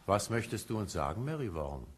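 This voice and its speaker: An actor playing a stern, haughty colonial judge who interrogates in a declamatory manner in a 1950s German radio play. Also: male voice, fairly low pitch, very animated, a little fast, husky. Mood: menacing. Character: stern, imperious colonial judge, proud of his power.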